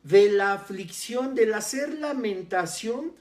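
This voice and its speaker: A man's voice: high voice, animated, slow pace, a little mellow. A man preaching a sermon as a pastor, teaching earnestly and speaking straight to the listener. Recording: roomy echo.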